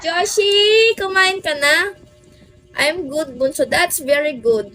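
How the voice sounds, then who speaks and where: A woman's voice: high-pitched, takes it slowly, sharp tone, soft background music. A woman from the Philippines with a Filipino accent, chatting on a livestream and greeting viewers by name. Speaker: livestream host. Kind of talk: casual livestream chat.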